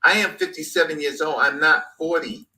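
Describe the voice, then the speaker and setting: Emphatic bright-voiced man in his fifties. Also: fairly high pitch, steady tone, fairly quick, low-quality recording. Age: 50s. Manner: emphatic, repeats phrases for stress. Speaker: guest speaker. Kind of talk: passionate conversation.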